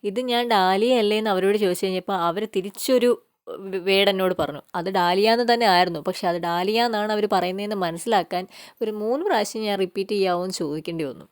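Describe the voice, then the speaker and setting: A woman's voice: mid-range voice, fast, smooth, dry recording, studio quality. A woman from Kerala giving a casual, chatty farm-tour vlog outdoors in a garden, explaining things and often tagging on little questions. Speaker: vlogger.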